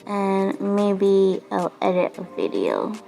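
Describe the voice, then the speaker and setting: A woman's voice: medium pitch, big pitch swings, slow pace, vocal fry, warm tone, soft background music. A young woman with a Barbadian accent, recording a personal video diary from a quarantine room and sounding weary, downcast and frustrated, with sighs. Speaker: vlogger. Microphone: self-filmed camera up close.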